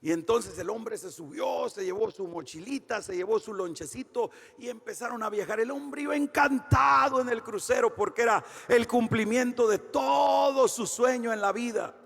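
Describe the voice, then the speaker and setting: A man preaching a fervent sermon, swinging from shouted declarations to hushed storytelling. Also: very high voice, normal speed, vocal fry, hardly any pauses, slightly rough, in a large hall. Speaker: pastor.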